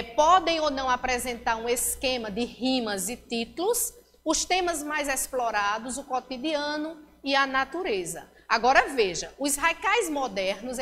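A high-pitched woman with a Brazilian Portuguese accent teaches a recorded lesson, patient and explanatory, tagging nearly every point with a quick check-in question. Her voice carries a long, roomy reverb. A faint hiss sits underneath. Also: a bit bright.

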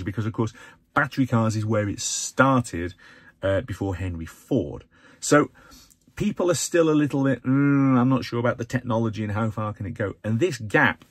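A middle-aged English man films himself in his car and talks straight to camera, lively and opinionated, pushing his pitch up whenever he wants to stress something. His voice is a touch husky, and the sound is close and dry, with the mic right in front of him. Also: no room sound. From England. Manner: animated, opinionated, swings pitch up for emphasis. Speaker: vlogger, channel host. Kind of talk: casual to-camera vlog. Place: inside a parked car. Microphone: phone or camera held close in front.

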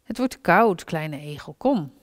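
A woman voicing a big, patient older male hedgehog who gently and kindly urges the little one along in a storybook reading. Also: sits low, lively intonation, unhurried, no echo, clean studio sound. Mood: urging.

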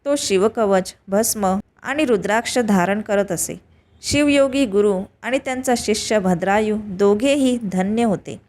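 A woman telling a devotional tale as scripted narration, reading evenly in short, measured phrases. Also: medium pitch, a little mellow. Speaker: storyteller.

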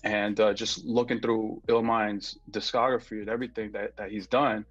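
A man talks about his music in a laid-back, slangy ramble, full of fillers. His voice is husky and sits on the low side. The sound is dull and lo-fi, as from a video call, with faint music behind him. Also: flat delivery, moderate pace, no echo. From New York. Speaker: guest music producer. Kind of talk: casual interview on a video call.

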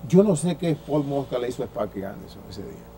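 A Dominican man in his sixties, a former baseball pitcher, telling stories in an interview and acting out the dialogue he quotes. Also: fast, slight background noise. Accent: Dominican Spanish. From Dominican Republic. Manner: lively storyteller who acts out quoted dialogue, with frequent restarts. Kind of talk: anecdotal storytelling in an interview.

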